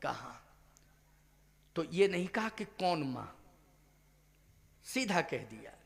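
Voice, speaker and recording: A man's voice: a little high, big pitch swings, slow pace, vocal fry. A male preacher giving a devotional sermon who keeps asking the audience questions.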